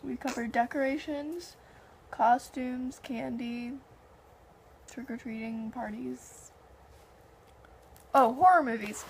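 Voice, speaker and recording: High-voiced young woman chatting casually. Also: takes it slowly, vocal fry, long pauses, a little hiss or hum, poor audio. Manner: animated anecdotes with heavy filler "like" and quoted dialogue. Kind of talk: casual chat.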